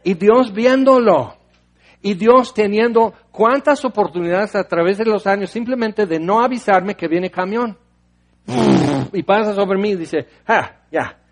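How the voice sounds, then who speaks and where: A man preaching a sermon, telling the story in an animated way and acting out voices. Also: high voice, a little slow.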